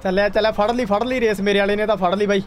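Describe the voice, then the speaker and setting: A young man casually commentating a game with a friend, excitable, repeating short exclamations. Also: high-pitched, fast talker, slight background noise. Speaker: gaming streamer. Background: tractor game sounds.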